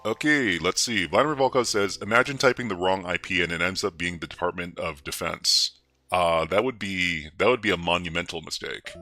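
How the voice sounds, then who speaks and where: A man's voice: fairly quick, sharp tone, dry recording. A man livestreaming through a voice changer that morphs him into a mock-menacing "scary hacker" persona, talking in a playful, jokey way. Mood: casual. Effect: voice changer, deep morphed voice. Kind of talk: livestream hacking commentary.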